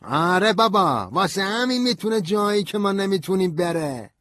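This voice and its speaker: A man's voice: high-pitched, animated, a bit bright. A man playing a brash, joking buddy. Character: cheerful, crude, energetic young man. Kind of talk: audiobook character reading.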